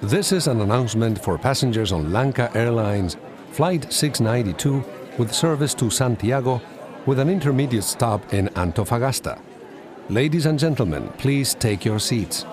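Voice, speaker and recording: A man's voice: mid-range voice, lively intonation, normal speed, crowd noise. A man making polite, formal airline boarding and delay announcements. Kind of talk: scripted announcement for a listening exercise.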